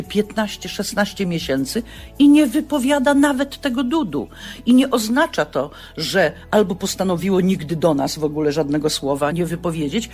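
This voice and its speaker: A woman's voice: on the low side, darkish tone, slightly rough. A woman child psychologist explaining child development in a reassuring, explanatory way in a radio interview.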